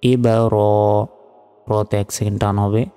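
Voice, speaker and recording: A man teaching recitation, explaining slowly and then drawing out each word as he recites it. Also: lowish voice, little pitch movement, mellow. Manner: slow, drawn-out Arabic recitation between Bengali explanations. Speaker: religious teacher. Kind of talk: recitation lesson. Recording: reverberant with faint music. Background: faint music.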